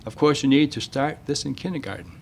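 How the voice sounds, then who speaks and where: A man hosting a radio show, reading a measured, plain-spoken monologue on parenting and then interviewing a guest. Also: mid-range voice, expressive, a little hiss or hum.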